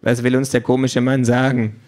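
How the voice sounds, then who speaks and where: A man's voice: mid-range voice, little pitch movement, normal speed, a little mellow, voice pushed up, natural voice. A man voicing a snarky pink talking tablet device, sarcastic and grumbling. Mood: mocking.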